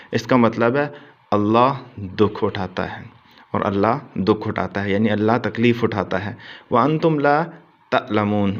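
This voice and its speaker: A man teaching correct Quran pronunciation, patiently repeating words slowly to show how the meaning changes. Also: on the low side, lo-fi sound. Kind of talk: explanatory Urdu lesson on Quran pronunciation.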